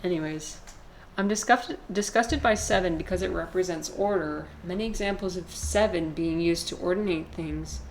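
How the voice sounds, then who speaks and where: Live streaming a video game, a woman in her twenties rambles casually to viewers, swears freely, and answers chat comments. Her voice is fairly low and moderately paced, with a little hiss or hum.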